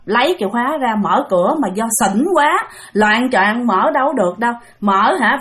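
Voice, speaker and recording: A woman with a Southern Vietnamese accent telling a ghost story in a chatty way, speaking straight to her listeners. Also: fairly high pitch. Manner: chatty, addresses listeners directly, many fillers. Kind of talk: casual ghost story narration.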